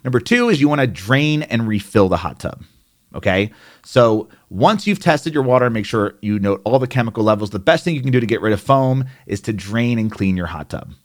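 A man's voice: mid-range voice, expressive, a little fast. A man with a New Jersey accent explaining hot tub care in a conversational, plainspoken way, with fillers and asides. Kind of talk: instructional explainer.

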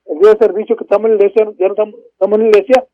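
In a dull, dry, lo-fi recording, a man preaches at home in a high, flat-sounding voice that races along. Fervent, he keeps calling to his brothers with "hermanos" and breaks out in "gloria a Dios, aleluya" between the verses.

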